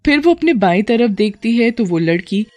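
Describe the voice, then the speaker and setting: A woman's voice: fairly high pitch, lively intonation, moderate pace, darkish tone. Woman narrating a children's story.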